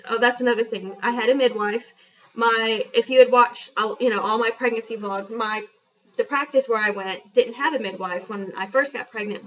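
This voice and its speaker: On her casual vlog, a young woman with a fairly bright, high-leaning voice tells a personal story. She's talkative, honest and self-mocking, leaning on lots of fillers, while the sound is dull, lo-fi and far away.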